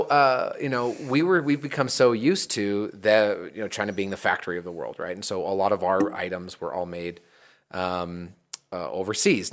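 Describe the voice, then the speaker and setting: A man co-hosting a casual podcast as a small business owner, talking loosely with many fillers and restarts. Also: low voice.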